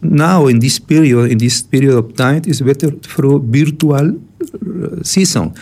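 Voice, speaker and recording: A man from Ecuador speaking English with an Ecuadorian Spanish accent, answering interview questions as a diplomat in a halting way with many fillers and restarts. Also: medium pitch, creaky, darkish tone, slightly rough. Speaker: diplomat guest.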